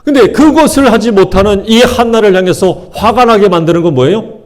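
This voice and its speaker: A man's voice: high voice, fairly quick. A middle-aged male pastor preaching a sermon in a conversational way, often asking the congregation questions.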